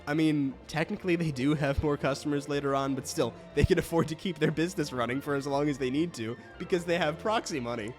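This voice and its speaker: A man's voice: fairly high pitch, fast, hardly any pauses, soft background music. A young man hosting a let's play, chatting casually with lots of fillers and easy laughs. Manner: rambling, filler-heavy, laughs easily. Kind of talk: casual gaming commentary.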